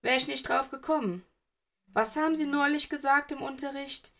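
A woman's voice: normal speed, fairly bright tone. Potter, a woman doing a bitter, sneering teen boy. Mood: mocking defiant. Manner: sneering, shrill and mocking. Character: teenage boy, bitter and defiant, on the edge.

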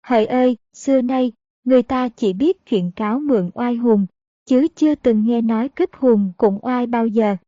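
A woman's voice: on the high side, normal speed, dark tone, no room sound, natural voice. A woman voicing a mocking old male beggar who is secretly a master fighter, in a sly, scolding way. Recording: dull, dry audiobook recording.

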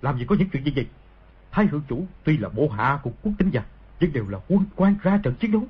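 A man's voice: on the high side, big pitch swings, fast, breathy edge, exaggerated voice. A man voicing a hot-tempered, indignant scholar. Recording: dull lo-fi audio.

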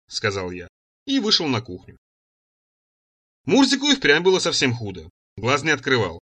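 A man narrating a first-person audiobook in an expressive, ironic manner. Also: mid-range voice, slightly rough. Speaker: audiobook reader.

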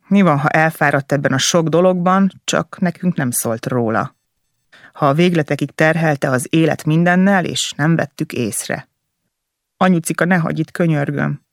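A man narrates a novel in the first person, with a gravelly edge and a slightly higher pitch than most men. His delivery is intense and emotional, broken into short, halting phrases. The recording is dry and close, with no room echo. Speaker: audiobook narrator.

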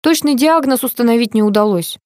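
A woman reading the part of a flustered male head doctor who shouts and snaps at times. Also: a little high, fairly quick, no echo, clean studio sound, voice pushed up, lightly acted. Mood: shaken. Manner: shouting, flustered, then curt. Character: agitated middle-aged male head doctor.

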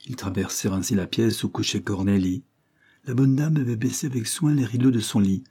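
A man reading a novel aloud in measured, deliberate narration. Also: fairly low pitch, warm tone, husky. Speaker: audiobook reader.

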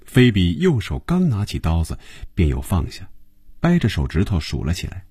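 A man reading a novel aloud as narrator, with an expressive storyteller's delivery. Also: low voice, normal speed, slightly rough, no room sound, studio quality.

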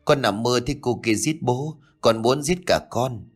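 A man's voice: medium pitch, moderate pace, close to an everyday voice. A man voicing a timid, easily frightened young son who stammers out his fears in an audiobook ghost story. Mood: anxious. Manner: stammering and fearful.

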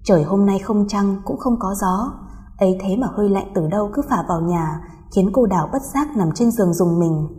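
Warm-voiced woman reading a story. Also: medium pitch, moderate pace. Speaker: narrator. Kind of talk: audiobook story narration.

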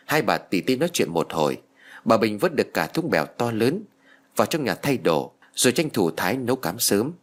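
Man, audiobook story narration, lowish voice, lively rising and falling delivery. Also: brisk.

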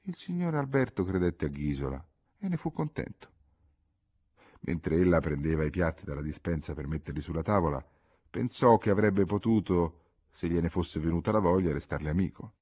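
A man narrating a classic novel as an audiobook reader, in an expressive, dramatic reading style. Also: sits low, moderate pace, slightly rough.

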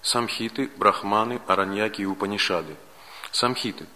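A man giving a lecture in a Russian accent, listing points in a measured way and repeating key words. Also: fairly low pitch, fairly even intonation, pushed and bright. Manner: measured, enumerating points with repetitions. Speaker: lecturer on Vedic philosophy. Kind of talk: spoken lecture. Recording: archival lecture recording with long hall reverb.

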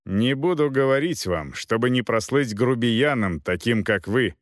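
A man's voice: mid-range voice, lively intonation, unhurried, dry recording, clean studio sound, natural voice. A man reading aloud, voicing a proud male knight who haggles and accuses in a cutting way. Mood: angry.

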